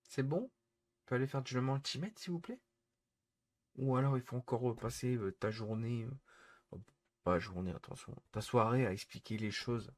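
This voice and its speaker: A man's voice: medium pitch, moderate pace. A man streaming live, scolding his chat in an exasperated, repetitive rant.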